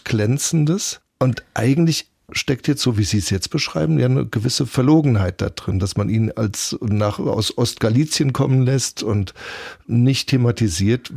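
A man's voice: medium pitch, a little slow, vocal fry, darkish tone, breathy edge, no echo, clean studio sound. A man interviewing an author, probing and thinking aloud as he asks his questions. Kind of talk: interview conversation.

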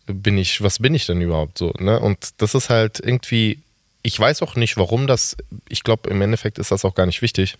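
A man's voice: lowish voice, a little fast, dry recording, clean studio sound. A man in his thirties, a guest in a casual podcast conversation, talking candidly and rambling with self-mocking asides. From Germany.

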